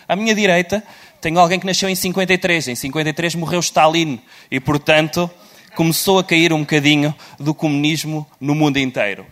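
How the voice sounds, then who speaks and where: A man with a fairly high voice and a European Portuguese accent hosts a panel on stage. He talks loudly and with a playful, teasing edge. His delivery is lively and deliberate. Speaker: moderator. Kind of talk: live panel moderation.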